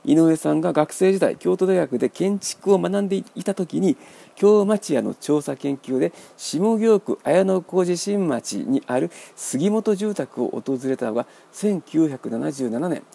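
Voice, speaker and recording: A man hosting a radio book talk, explaining in a wry, measured way. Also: on the high side, lively intonation, vocal fry, mellow. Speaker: radio host.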